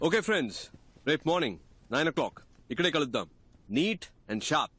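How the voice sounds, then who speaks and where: An actor playing a dry, commanding interviewer in a dubbed film, firing short questions over a film score. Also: male voice, a little high, very animated, measured pace, a bit bright, slightly rough, full character voice. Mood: stern. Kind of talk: Telugu-dubbed film dialogue. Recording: film soundtrack with background score.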